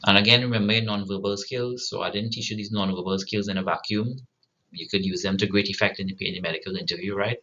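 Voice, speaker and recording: A man's voice: on the low side, fairly even intonation, quick pace, sharp tone, muffled recording, slight background noise. A man giving a recorded lecture to students, often checking in with "right?" and restarting his sentences. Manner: frequent "right?" tag questions, restarts.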